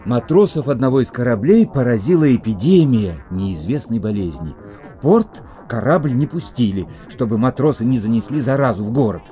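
An actor playing a rational, bookish little bug companion who explains precisely and gets flustered easily in a children's audio drama. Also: male voice, medium pitch, lively intonation, moderate pace, dark tone, soft background music, close to an everyday voice. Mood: storytelling, reassuring.

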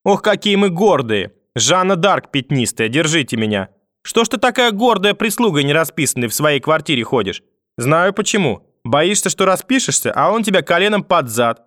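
A man's voice: expressive, a little fast, fairly bright tone, no room sound, clean studio sound, close to an everyday voice. A man voicing a cruel, bitter old grandmother who curses and shrieks. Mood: spiteful. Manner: shrill, venomous, cursing.

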